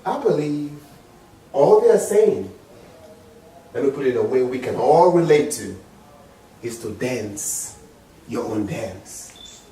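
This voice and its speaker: Speaking slowly with long pauses, this public speaker in his forties has an African accent and an expressive delivery. His motivational address to the crowd is dramatic and emphatic, moving between quiet low murmurs and loud high exclamations. It's captured from far away in a very echoey hall, with a little hiss or hum.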